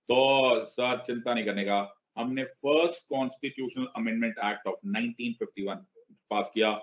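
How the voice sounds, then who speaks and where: A male teacher giving an online exam-prep lecture. He mixes Hindi and English, drills the class with repeated questions, makes playful asides, and slows down to stress each word when reading legal text. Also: medium pitch, fairly bright tone, lo-fi sound.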